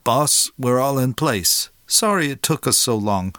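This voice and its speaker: A man's voice: mid-range voice, expressive, a little slow, fairly bright tone, no room sound, pitched above the performer's own voice. A man voicing a polite, loyal male AI made of nanites, speaking courteously and deferentially. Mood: urgent.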